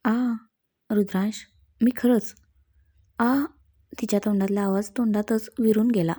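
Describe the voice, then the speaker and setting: A woman storyteller reads a scripted romance with a gentle, even delivery. Her voice is mellow and warm. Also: mid-range voice.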